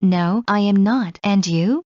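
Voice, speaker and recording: A woman reading scripted English practice dialogues in a slow, clear drill delivery. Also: medium pitch, mellow, no room sound. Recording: muffled lo-fi recording.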